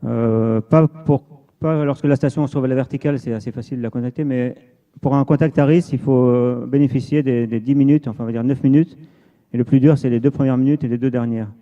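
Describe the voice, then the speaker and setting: A man's voice: medium pitch, steady tone, a little fast. A man giving an informal technical presentation as an amateur radio volunteer, explaining and repeating points for emphasis. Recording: dull, muffled lo-fi sound.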